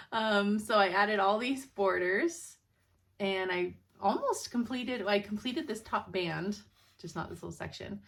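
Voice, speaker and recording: A young woman in casual, rambling chat as a cross-stitch vlogger at home, sounding sleepy and laughing often. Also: mid-range voice.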